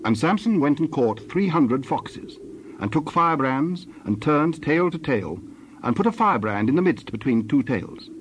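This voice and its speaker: A man's voice: a little high, sing-song, moderate pace, a little hiss or hum, poor audio. A man narrating scripture as the storyteller of a dramatized Bible reading.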